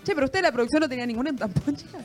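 Playful Argentine woman co-hosting, lively pitch. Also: racing, music in the background. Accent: Argentine Rioplatense. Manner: playful, teasing, laughs often. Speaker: co-host. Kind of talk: casual live-stream chat. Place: streaming studio with live audience.

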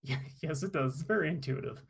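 A man's voice: fairly high pitch, fast, creaky, husky. A man co-hosting a podcast, chatting casually with dry, self-mocking jokes. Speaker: podcast co-host. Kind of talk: casual chat.

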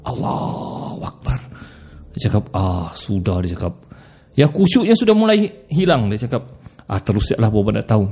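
A man telling a ghost story in a casual, conversational way, swinging between loud exclamations and hushed asides. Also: medium pitch, very animated, a little fast, husky.

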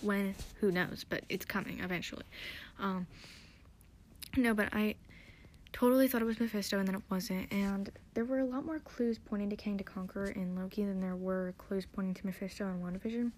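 A woman's voice: medium pitch, steady tone, brisk, a little mellow. Chatty young woman, whispered ASMR recap. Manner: chatty, often whispering, many fillers. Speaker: TV episode recapper.

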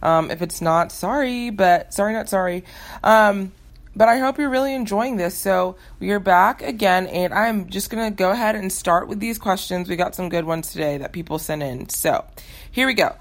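A young American woman hosts a casual, upbeat Q&A show, talking informally with listeners. Her voice is medium-pitched and her pace moderate.

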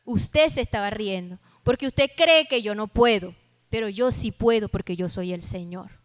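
A calm, all-knowing male voice gently scolding, low and steady with quiet authority, as a woman preacher puts him on. The tone stays soft but firm, never raised. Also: normal speed, long reverb tail, lightly acted. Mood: chiding.

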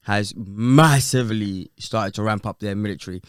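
A man's voice: lowish voice, normal speed, clear, resonant tone, no room sound, clean studio sound. A man chatting casually and animatedly, laughing often and using slang. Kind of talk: casual chat.

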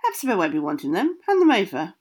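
A woman's voice: medium pitch, wildly swooping pitch, fast, a little mellow. A woman voicing an old country woman baker who gives firm, emphatic orders in a storybook. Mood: insistent. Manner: bossy, emphatic instructions.

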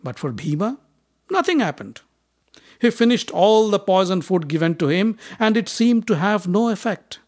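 A man narrating an old epic as a storybook tale with expressive delivery. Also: high-pitched, moderate pace.

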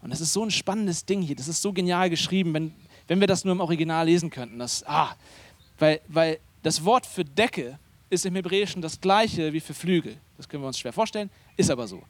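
A man with a high voice preaches in an animated, conversational way, stressing key points and asking the congregation whether they follow along. The sound is dry and close, with no room echo. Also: fairly quick. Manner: conversational, asks the congregation questions; animated, emphatic delivery. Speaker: pastor. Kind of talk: sermon.

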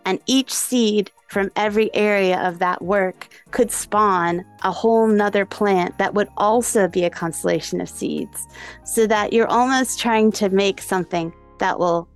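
A woman with a medium-pitched voice hosts a podcast in an animated, informal way. Her conversational phrasing is casual and full of small asides.

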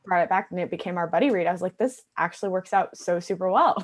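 A bubbly woman with a fairly low voice hosts a podcast at a quick pace. She chats casually and laughs often.

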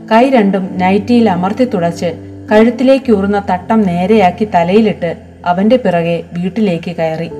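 A woman narrating a story in a calm, expressive reading voice. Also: mid-range voice. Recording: soft background music.

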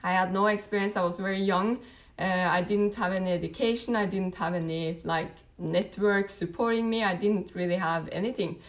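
A Norwegian woman in her late twenties, a network marketing team leader, chats casually with her live-stream audience, sounding a bit tired as if she just woke up. Rambling and chatty, she uses lots of fillers and restarts, speaking at normal speed with fairly even intonation and a pitch in the ordinary middle range for a woman.

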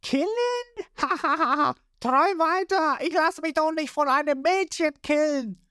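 A woman voicing a boastful, cowardly teenage boy pirate who talks in a shrill, whiny bluster. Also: steady tone, a little slow, no echo, studio quality. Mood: mocking.

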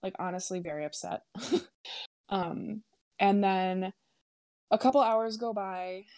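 A woman in her twenties tells a story in a casual, chatty way, packing it with "like" and "um" and swearing freely. Her voice is mid-range, slow and darkish, recorded with studio quality and no room sound.

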